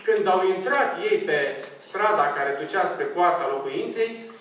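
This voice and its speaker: A man's voice: sits high, expressive, fairly bright tone, recorded from a distance. A man with a Romanian accent preaching a sermon in church, telling stories and pleading earnestly with the congregation. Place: church hall. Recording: very echoey church from afar, faint ambience.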